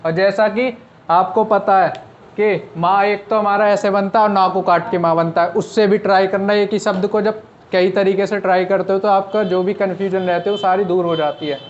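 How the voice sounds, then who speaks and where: Lo-fi sound and slight background noise accompany a man whose voice sits high, with fairly even intonation and a moderate pace. Patient and methodical, he teaches shorthand online step by step, answering his own rhetorical questions.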